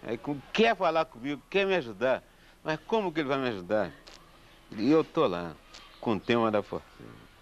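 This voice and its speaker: Brazilian man telling a lively anecdote. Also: medium pitch, moderate pace, slight background noise. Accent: Brazilian Portuguese. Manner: animated, acts out the people in his story. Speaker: samba composer. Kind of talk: casual storytelling. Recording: dull lo-fi recording with faint guitar.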